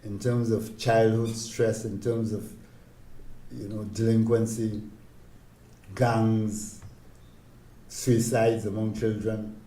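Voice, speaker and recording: An older man from Tobago with a Tobagonian accent, reminiscing in an interview in a calm, gentle, deliberate way. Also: fairly low pitch. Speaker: interviewee, village elder sharing memories. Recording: roomy, echoing interview recording.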